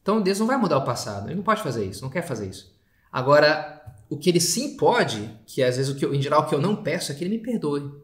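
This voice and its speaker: A priest leads a spoken meditation in a loose, chatty manner, tossing in slang and tag questions. His voice sits at a middling pitch, and the room gives it a noticeable echo. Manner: conversational, with slangy asides and many "né?" tags. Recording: echoey room.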